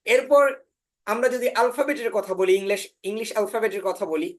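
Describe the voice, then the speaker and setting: A Bangladeshi woman who teaches spoken English gives an online orientation lecture, often pausing on "ah" fillers. She demonstrates pronunciation by repeating words slowly, in a voice that is a little high with a darkish tone.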